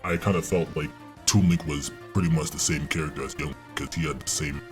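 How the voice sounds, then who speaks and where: A young man speaking through a voice changer that pushes his voice unnaturally deep, far below a normal male range. He talks hesitantly and rambles, filling gaps with ums and uhs. Soft music plays faintly behind him. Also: fairly even intonation, fast. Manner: hesitant, rambling, many fillers. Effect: voice changer shifting the voice very deep. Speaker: student posing as a stranger.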